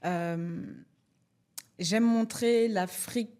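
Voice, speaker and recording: A woman's voice: medium pitch, drawn-out words, mellow. A middle-aged woman from France, speaking as a podcast guest, hesitant and full of fillers. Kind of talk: casual podcast conversation.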